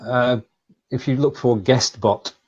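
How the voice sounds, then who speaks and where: A slightly muffled, lo-fi video call carries a man with a Lancashire accent and a mid-pitched voice. He hosts in a casual, explanatory style, feeling his way through sentences with halting phrasing. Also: fairly even intonation, a little mellow, breathy edge. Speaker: live show host. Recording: slightly dull, lo-fi sound.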